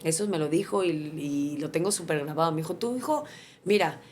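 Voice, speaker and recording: A woman's voice: low voice, fast, a little hiss or hum. Earnest woman telling her story. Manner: earnest, animated, often acts out what others said. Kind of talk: candid personal storytelling.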